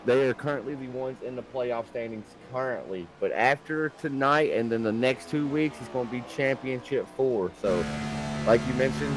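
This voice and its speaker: A man's voice: medium pitch, heavy background noise. Folksy Southern male racing co-commentator. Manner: folksy and easygoing, calls his partner brother and buddy. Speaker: race co-commentator. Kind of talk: live sim-racing broadcast commentary.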